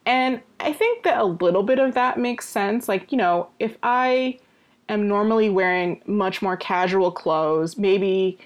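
A woman's voice: medium pitch, measured pace. A woman chatting as a podcast guest, talking loosely with lots of "like" and "you know" fillers. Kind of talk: casual interview chat.

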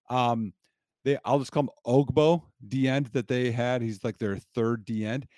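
A man's voice: medium pitch, a little mellow, dry recording. A man co-hosting a casual sports podcast, rattling off injury news until he runs short of breath. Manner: rapid-fire listing of injury news. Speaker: podcast co-host.

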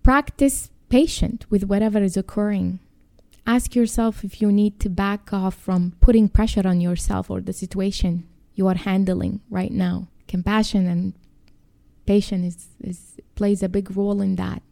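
A woman gently guiding a calm mindfulness and grounding exercise as a podcast host and coach, with a halting, instructive delivery. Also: mid-range voice, vocal fry.

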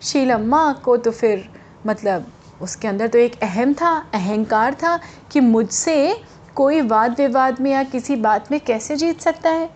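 A woman storyteller narrating a folk tale for children in a high voice. She talks in a chatty way and often turns to address the children directly. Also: unhurried, a little mellow, slight background noise.

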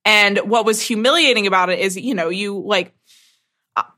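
A woman's voice: mid-range voice, normal speed, sharp tone. A young woman co-hosting a podcast, telling a rambling, self-deprecating story in casual chat and swearing freely. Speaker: podcast co-host.

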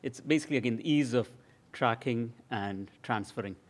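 Man, technical panel guest; mid-pitched, halting, stumbles and restarts. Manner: halting, restarts with repeated words. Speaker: engineering guest. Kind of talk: conversational panel discussion.

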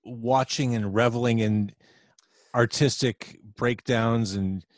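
A man's voice: mid-range voice, fairly even intonation, takes it slowly, no room sound. A man hosting an interview, casual and agreeable, swearing freely. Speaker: interview host. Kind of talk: conversational podcast interview.

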